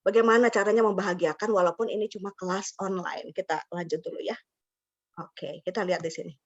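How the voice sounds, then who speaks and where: Speaking a little fast in a steady, mid-range voice, a woman hosts a teacher-training webinar online. Her style is talkative and full of laughter, with English words mixed in, captured over a video call in somewhat muffled lo-fi sound.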